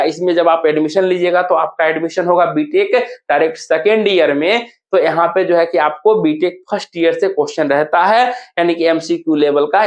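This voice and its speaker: Coaching teacher, male, high-pitched, Bihari Hindi accent; self-questioning promo lesson, slows on key words. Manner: asks and answers his own questions, slows to repeat key words. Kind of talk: promotional exam-prep lesson.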